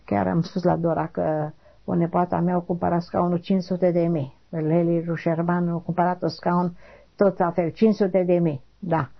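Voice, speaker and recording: An elderly woman, recalling things in a halting way. Her voice is low, gravelly and husky, and she keeps repeating little affirmations before fading off. The recording is dull and lo-fi. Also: little pitch movement. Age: 80s. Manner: halting, repeats short affirmations, trails off quietly. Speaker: interviewee. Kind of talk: oral history interview.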